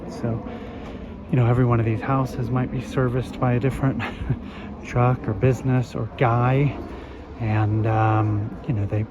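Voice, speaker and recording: Strolling through a residential neighborhood, a hoarse-voiced male vlogger who hasn't fully recovered from being sick offers meandering walking-tour commentary packed with fillers. He speaks in a mid-range voice and takes his time. Street traffic runs under the dull outdoor phone recording.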